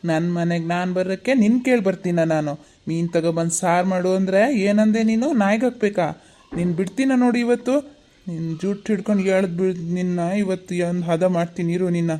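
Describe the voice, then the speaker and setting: Brief: actor as a drunk village husband, slow blustering threats, mid-range voice. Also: mid-range voice, steady tone, mellow, lightly acted.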